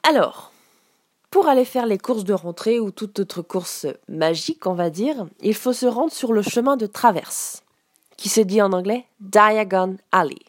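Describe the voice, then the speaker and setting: A woman giving a casual spoken lesson as a teacher, explaining slowly with frequent hesitations. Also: mid-range voice, animated, no room sound, studio quality. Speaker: English teacher.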